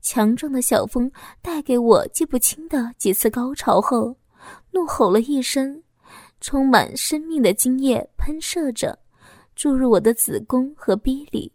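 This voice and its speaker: Brief: high-voiced woman narrator, soft and intimate, slips into whispers, dry close mic. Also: unhurried, no echo. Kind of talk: scripted first-person audio story narration.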